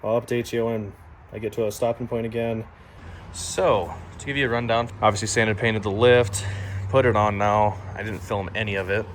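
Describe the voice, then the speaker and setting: Speaking at a normal pace with a lowish voice and fairly steady intonation, a young man chats casually about the truck he's working on. He wanders off topic and jokes at his own expense, occasionally winded, as he moves between his workshop and backyard. A nearby propped-up phone records him, picking up a little hiss or hum.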